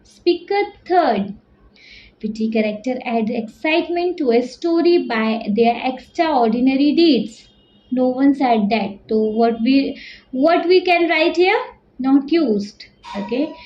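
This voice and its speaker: A woman with an Indian accent teaching a school lesson, reading English slowly and explaining quickly in Hindi. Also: sits high, roomy sound, dull audio, a little hiss or hum.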